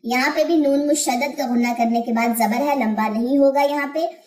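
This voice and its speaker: High-voiced woman teaching Quran recitation. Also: fairly even intonation, moderate pace, darkish tone, reverberant. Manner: explains recitation rules step by step, asking and answering her own questions.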